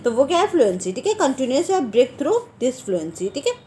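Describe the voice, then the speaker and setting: A woman teaching an exam-prep lecture in a lively way, asking her own questions and answering them. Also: high voice, fast.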